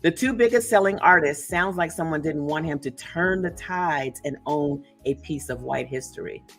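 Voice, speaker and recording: Female host, fairly low voice, emphatic storyteller with asides, faint music underneath. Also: normal speed. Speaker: podcast host and author. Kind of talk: casual discussion.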